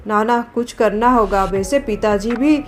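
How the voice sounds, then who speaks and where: A woman's voice: fairly high pitch, measured pace, natural voice. A woman voicing a harried young husband stuck between quarrelling wife and mother in a cartoon story, exasperated and complaining. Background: background music.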